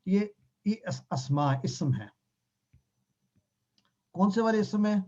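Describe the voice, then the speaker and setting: A man teaching a Quran and Arabic grammar class online, answering questions in a relaxed way and mixing in English phrases. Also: sits high, muffled recording. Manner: mixes English phrases into Urdu, relaxed explanatory.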